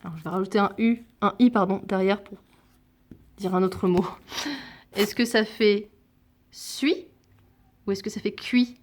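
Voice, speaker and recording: A woman with a medium-pitched voice teaches young children phonics. She speaks deliberately, repeating each sound and its example word.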